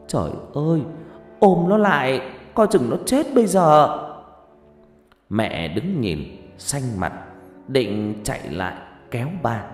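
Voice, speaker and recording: A man's voice: medium pitch, a little mellow. A man narrating a first-person ghost story dramatically. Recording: echoey reverb with background music.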